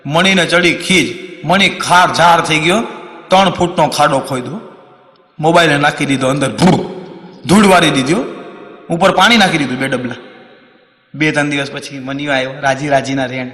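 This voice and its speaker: Man, Kathiawari accent, stand-up storyteller, lively delivery, echoey hall. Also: on the high side, normal speed, long pauses. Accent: Kathiawari Gujarati. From Saurashtra, Gujarat. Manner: lively, swings into loud acted quotes. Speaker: stand-up comedian. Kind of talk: comic storytelling on stage. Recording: long hall reverb on a stage mic.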